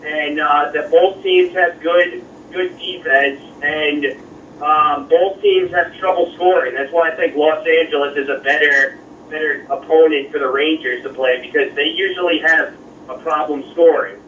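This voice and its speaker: A man from Florida calling in to a sports talk show, talking haltingly and repeating words, heard over a phone line that keeps cutting in and out. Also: fairly high pitch, fairly even intonation, pushed and bright, slight background noise. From Florida, USA. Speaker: radio show caller. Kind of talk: casual call-in sports chat. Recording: muffled distant phone line.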